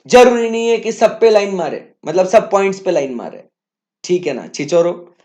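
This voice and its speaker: Slow, teasing male teacher. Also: sits high, darkish tone. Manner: playful, teasing, slangy banter with students; repeats questions to the class. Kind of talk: recorded classroom lecture.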